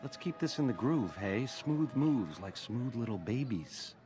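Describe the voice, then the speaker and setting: A suave, cocky casino boss from a video game, talking in a crooning drawl full of jive slang. His pitch swings all over, lively and animated. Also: measured pace, music in the background. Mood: smooth, flirty.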